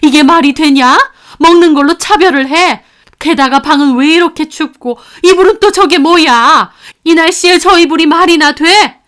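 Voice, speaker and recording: A woman voicing an older grandmother in a storybook, shouting furiously at her son in a high strained voice. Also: normal speed, hardly any pauses, lightly acted.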